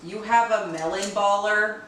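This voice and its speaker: A woman's voice: mid-range voice, fairly even intonation, measured pace. A woman co-hosting a home candy-making tutorial, chatting casually with lots of fillers while she works. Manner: chatty, filler-heavy, laughs often. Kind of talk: casual cooking demonstration. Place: home kitchen. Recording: echoey kitchen, far from mic, noisy.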